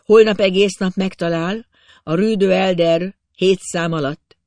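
Guy reading a calm restrained young gent, audiobook, gravelly dry voice. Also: mid-range voice, no echo. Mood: composed.

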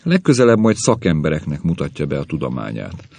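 A man's voice: extremely low pitch, very animated, gravelly, darkish tone, full character voice. A man doing an eager, pushy promoter. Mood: urging. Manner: insistent, urging.

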